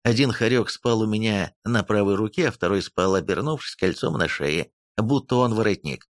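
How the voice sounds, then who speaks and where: A man narrating a first-person fantasy audiobook in an expressive, sardonic storytelling manner. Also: on the low side, normal speed, dry recording, studio quality.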